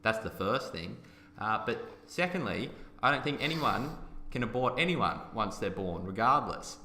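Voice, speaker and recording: A man's voice: mid-range voice, sing-song, moderate pace, pushed and bright, slight background noise. A man hosting a podcast, talking in an emphatic, argumentative way. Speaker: podcast host. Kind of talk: casual opinion chat. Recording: roomy echoey room.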